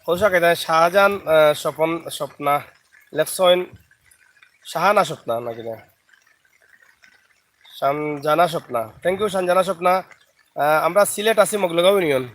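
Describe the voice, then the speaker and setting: A man's voice: a little high, moderate pace, pauses often, fairly bright tone. Chatty Sylheti-accented man filming outdoors. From Bangladesh. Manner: chatty, greets viewers by name. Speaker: vlogger. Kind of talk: live video chat while filming outdoors. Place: riverside village outdoors.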